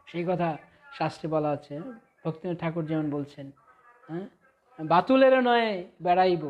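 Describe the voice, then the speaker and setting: A man preaching a devotional sermon online, fervent and rising on ecstatic phrases, slipping into slow melodic chanting of hymn verses. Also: fairly high pitch, a little mellow, dull audio. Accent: Bengali. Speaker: preacher leading an online class.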